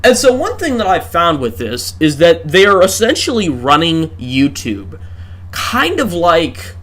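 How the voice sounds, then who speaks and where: A weary livestreamer talks into a desk mic as he games, his slightly high, a bit bright voice moving a little slowly with big swings in pitch. He muses aloud in a rambling rant, asking rhetorical questions and restarting often.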